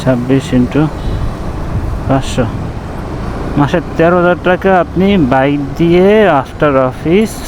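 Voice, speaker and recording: Riding his motorbike through city streets, a Bangladeshi-accented ride-share vlogger talks casually to viewers from inside his helmet in a fairly high voice, taking it slowly and pausing often. His helmet camera records clear traffic and vehicle sounds.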